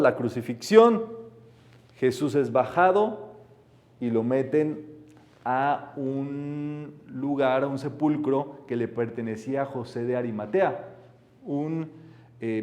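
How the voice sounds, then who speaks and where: Male spiritual teacher, warm low-key timbre, earnest lecturing, leads group affirmations. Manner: earnest and explanatory. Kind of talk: metaphysical Bible lecture.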